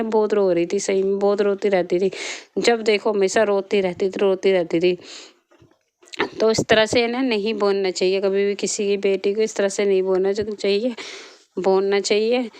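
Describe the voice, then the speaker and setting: A woman's voice: medium pitch, a little mellow, clean tone, dry recording. A woman vlogger telling a story from her life and giving earnest moral advice, repeating herself often. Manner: repetitive, earnest, preachy.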